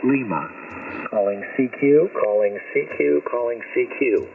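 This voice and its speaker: A man's voice: mid-range voice, expressive, unhurried, creaky, recorded from a distance, narrow, tinny audio. A man working as a ham radio operator in an on-air contact, calling out call signs in the phonetic alphabet and signing off with "over", heard over a shortwave radio receiver. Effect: heard over a shortwave radio receiver, thin and static-laden. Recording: thin shortwave radio audio from afar with hiss.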